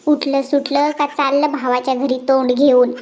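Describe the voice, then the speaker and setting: A performer voicing a cheeky, sarcastic village housewife in a cartoon, with a high pitch-shifted voice. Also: female voice, level tone, moderate pace, darkish tone. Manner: mocking, sarcastic retorts.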